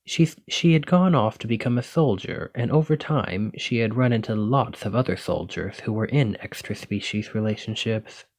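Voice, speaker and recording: In an ASMR roleplay, a man plays a gentle, bookish dragon-blooded librarian who is a devoted boyfriend, speaking earnestly and reassuringly with a wistful, reflective mood. His lowish voice moves at normal speed with hardly any pauses.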